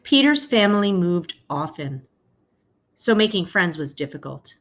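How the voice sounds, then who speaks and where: Reading a picture book aloud to students, a woman teacher speaks at a measured pace in a fairly low, fairly bright, very animated voice. Her explanations are informal and carefully phrased.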